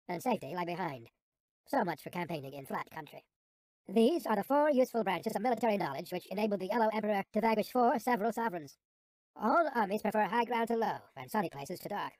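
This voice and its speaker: Quick, squeaky chipmunk audiobook narrator. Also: no echo, low-quality recording. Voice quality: sped-up chipmunk helium voice.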